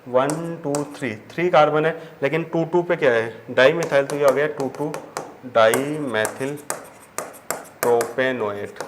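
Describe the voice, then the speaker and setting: With a voice a little high and a moderate pace with hardly any pauses, a man delivers a whiteboard chemistry lesson. He explains each step, answers his own questions, and speaks to his students as children; faint background noise is audible.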